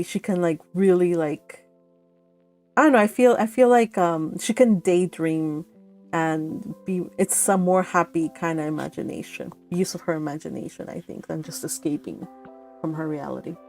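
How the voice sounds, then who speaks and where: A young woman from Mexico hosts a book club, chatting casually and reading aloud, laughing often and using lots of fillers. Her voice is on the low side, with no echo.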